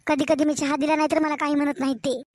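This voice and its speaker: A high, chatty young married daughter in a cartoon story, as a woman acts her out. She sweet-talks and coaxes in a drawn-out manner. The voice-over is recorded close and dry, with no room sound. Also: little pitch movement, no echo, lightly acted. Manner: chatty, coaxing, drawn-out village-style talk.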